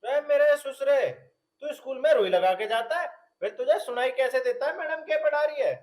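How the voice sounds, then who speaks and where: An actor playing a hot-tempered young village husband, who scolds loudly and shouts in exasperation. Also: male voice, extremely high pitch, fairly quick. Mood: lecturing. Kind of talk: rural comedy film acting.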